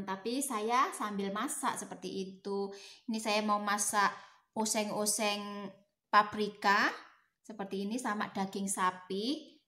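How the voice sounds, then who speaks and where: A woman's voice: on the high side, pushed and bright, reverberant. A woman from Indonesia chatting casually to her viewers while she cooks in her home kitchen. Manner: chatty, often tags phrases with "ya, teman-teman". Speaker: vlogger. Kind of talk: casual vlog chat while cooking.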